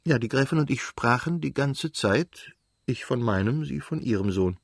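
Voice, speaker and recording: A man voicing a graceful, lively young society lady who talks cheerfully and graciously in a literary audiobook. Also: medium pitch, normal speed, creaky, husky, no room sound, studio quality, voice pushed up.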